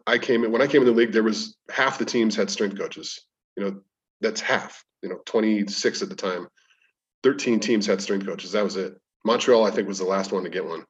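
A man as a podcast guest, telling rambling stories about his coaching work, with frequent restarts. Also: on the low side. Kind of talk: casual storytelling interview. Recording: distant, dull lo-fi sound.

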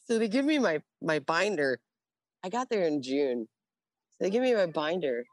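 A woman's voice: on the low side, sing-song, moderate pace, dry recording. A woman in a casual interview, telling military stories with a lot of swearing, frequent laughs and acted-out voices of other people. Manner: profane, laughing, acts out voices in anecdotes. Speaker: interview guest, Navy veteran. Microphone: phone or call recording.

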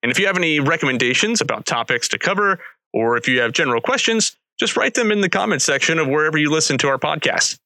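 A podcast host with a slightly high, sharp, animated voice talks fast on a casual sports podcast, with no echo. Friendly and teacherly, he explains rugby rules to a guest during an informal interview, using fillers along the way.

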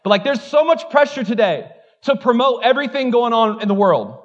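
A pastor preaches a sermon in church, his man's voice very high-pitched and sing-song, moving a little fast through dull audio. He's candid and conversational, poking fun at himself and peppering everything with "like."

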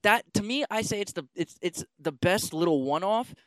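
Smooth-voiced man, dry close sound. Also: high voice, lively intonation, normal speed, no echo. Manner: enthusiastic, quotes lines, shares trivia. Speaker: podcast co-host. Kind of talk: casual film chat.

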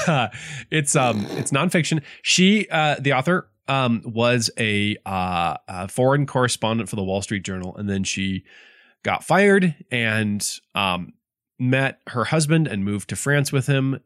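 A man co-hosting a casual chat, explaining a book in an animated way with many fillers and restarts. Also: mid-range voice, a little slow, no echo, clean studio sound. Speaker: podcast co-host presenting a book.

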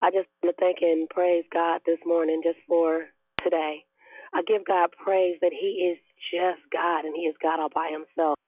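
A woman with a hoarse, raspy, worn-out voice, giving an earnest devotional talk and prayer in a conversational way on a group phone call. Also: lowish voice, little pitch movement, moderate pace, dry recording. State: hoarse, unwell. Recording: tinny narrow phone line.

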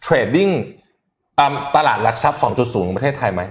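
A man co-hosting a casual podcast, rattling off anecdotes at a fast clip. He often trails off mid-sentence and restarts. His pitch sits in an everyday middle range. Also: sing-song. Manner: quick storytelling, trails off and restarts. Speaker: co-host.

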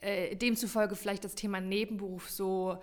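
A woman's voice: mid-range voice, little pitch movement, normal speed. A woman co-hosting a podcast, explaining in long emphatic runs with many fillers in a casual chat. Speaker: podcast co-host.

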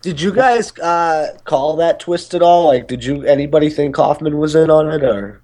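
A man's voice: a little high, moderate pace, a little mellow. A man co-hosting a casual movie podcast, easygoing and agreeable. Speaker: podcast co-host. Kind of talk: casual chat.

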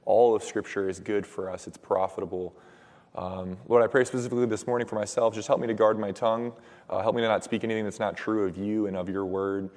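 Leading a sermon and prayer, a young preacher speaks fast in a level tone, his slightly low voice worn hoarse and raspy from days of shouting. He's casual and earnest, leaning heavily on fillers like "uh" and "um", and the church hall gives his voice a long echo.

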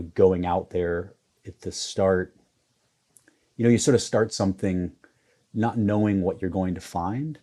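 A man in his forties from Iowa in the US Midwest, appearing as a photographer guest in a reflective interview. His voice is low, dark and mellow, and he speaks flatly and evenly, halting and restarting with plenty of fillers as he thinks aloud.

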